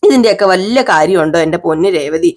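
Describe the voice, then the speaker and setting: A woman's voice: fairly low pitch, animated, fast talker, darkish tone, voice pushed down. A woman voicing a caring young husband who coaxes his wife fondly and scolds her in mock sternness.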